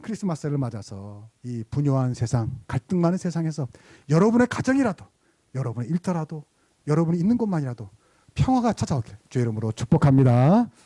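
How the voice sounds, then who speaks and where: A man's voice: on the high side, sing-song, fast, dark tone, no room sound. A male pastor preaching a sermon, telling stories and asking the congregation questions. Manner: storytelling, asks the congregation questions.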